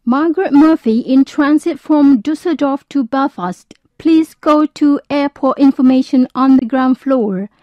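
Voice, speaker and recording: Woman as high-voiced airport announcer, dull recording. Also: no echo. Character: formal female airport announcer.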